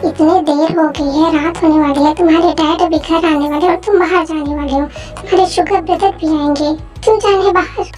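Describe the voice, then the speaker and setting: A woman's voice: very high voice, fairly even intonation, a little fast, darkish tone, faint music behind. A woman voicing a worried, nagging mother who waits up late, in an amateur dubbed story. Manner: nagging, scolding.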